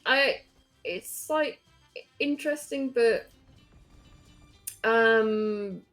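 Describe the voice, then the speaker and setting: A woman's voice: a little high, drawn-out words, soft background music. A woman co-hosting a casual game podcast, reading store blurbs and chatting with some hesitation. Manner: reads store blurbs, hesitant, laughs softly. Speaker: podcast co-host.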